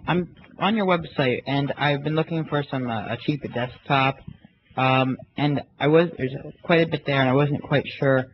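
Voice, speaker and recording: Hesitant man on a muffled, noisy line. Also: medium pitch. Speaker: prank caller. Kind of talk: casual phone inquiry. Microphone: phone call. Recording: muffled, noisy phone call recording.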